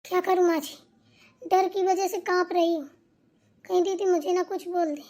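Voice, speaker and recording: Sneaky cartoon bahu, a woman doing her, super high squeaky voice, fake sweet then gloats. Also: steady tone, moderate pace, warm tone. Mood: whiny. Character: scheming young daughter-in-law, sly and gleeful. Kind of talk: cartoon comedy voice acting.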